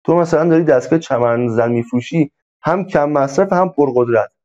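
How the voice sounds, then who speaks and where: A man's voice: on the high side, a little mellow. A man from Iran giving a casual spoken lesson on pricing for online sellers, talking conversationally and repeating his examples with frequent fillers. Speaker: online sales instructor. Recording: slightly dull lo-fi audio.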